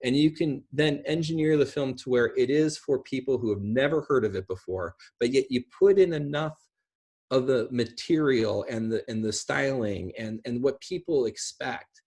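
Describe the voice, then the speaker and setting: This middle-aged man has a husky, darkish voice of medium pitch and speaks at a moderate pace. He's a guest on a video call, indoors at home, using the call's microphone as he explains his ideas in a loose, rambling manner.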